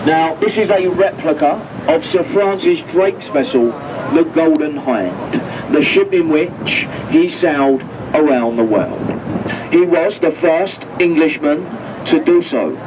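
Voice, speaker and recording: A river boat crewman, speaking a little high and a little slowly, jokes and chats through tour commentary on a handheld microphone. He is outdoors on the open deck. The camera is far away, so his voice comes over the boat speaker as a distant PA with boat noise.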